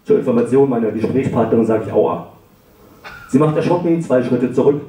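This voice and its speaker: A man reading his own darkly comic first-person stories at a live event, dry and sarcastic, often breaking into shrill mock-furious rants. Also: fast talker, mellow. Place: library event hall. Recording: roomy hall, voice far from the mic.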